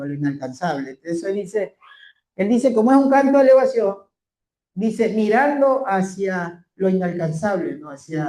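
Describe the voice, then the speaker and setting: Mellow-voiced Torah teacher, roomy echo. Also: medium pitch. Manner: asks the class rhetorical questions; slow, drawn-out emphasis on key phrases. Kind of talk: teaching a scripture class.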